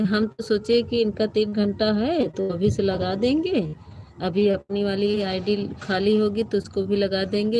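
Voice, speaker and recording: A woman's voice: medium pitch, dark tone. Female live-streamer with a lilt, fed-up and repetitive, speaking into a phone mic over a noisy background. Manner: exasperated, complaining, repeats herself. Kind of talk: casual live-stream chat to viewers.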